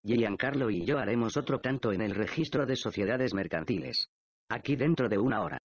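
A man's voice: fairly low pitch, lively intonation, a little fast, dry recording. Víctor, an eager detective read by a man. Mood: decisive. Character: male detective, thoughtful and excitable investigator. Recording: dull, dry lo-fi audiobook recording.

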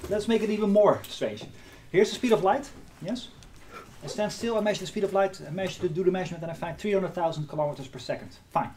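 A man's voice: high-pitched, slight background noise. Man lecturing physics to a class. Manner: lively, asks the class questions. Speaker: university lecturer. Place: lecture hall.

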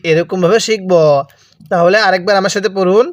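Man, Bangladeshi Bengali accent, Quran teacher, patient syllable drills, high voice, dry recording. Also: steady tone, normal speed, no room sound. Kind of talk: slow call-and-repeat recitation lesson.

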